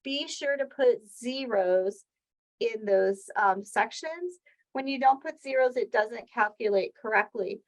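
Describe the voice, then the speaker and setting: Speaking at a measured pace in a fairly high pitch, a woman hosts a weekly healthcare training webinar. Her slide-by-slide explanations are conversational and full of examples, captured on a rough recording.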